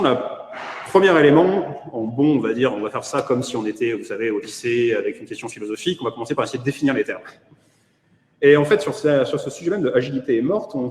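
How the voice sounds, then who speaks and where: A man with a French accent giving a conference keynote online, hesitant with many fillers and wry asides. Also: medium pitch. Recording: echoey room with long reverb.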